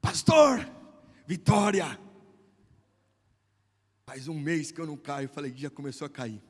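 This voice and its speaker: A man with a Brazilian Portuguese accent, preaching a sermon as pastor and swinging from hushed tones to shouts. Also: mid-range voice, steady tone, fast. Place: church hall. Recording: long church hall reverb.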